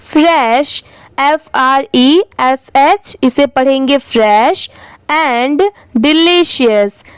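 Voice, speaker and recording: High-voiced woman teaching English slowly. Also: no echo, poor audio. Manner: spells words letter by letter, then says them slowly. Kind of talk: slow spelling-out reading lesson.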